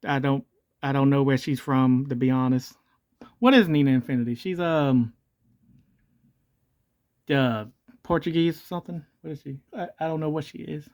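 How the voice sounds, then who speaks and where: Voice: normal speed, pauses often, darkish tone, muffled recording. A video host talking through a voice changer that morphs the voice, rambling jokily and correcting themselves as they go. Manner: jokey, rambling, self-correcting, pitch jumping around. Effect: voice changer that shifts and morphs the voice. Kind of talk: rambling comedic commentary.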